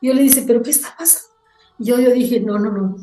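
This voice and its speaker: A fairly high-voiced woman tells a ghost story to her podcast hosts. She tells it with animation and acts out every line of dialogue she quotes, and her voice rings in an echoey room. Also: fairly quick, mellow, faint music behind. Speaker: guest.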